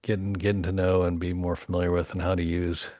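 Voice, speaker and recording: Brief: very deep-voiced male host, friendly, dry close recording. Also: level tone, quick pace, a little mellow, dry recording. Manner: friendly, upbeat sign-off. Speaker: podcast host. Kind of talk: interview hosting.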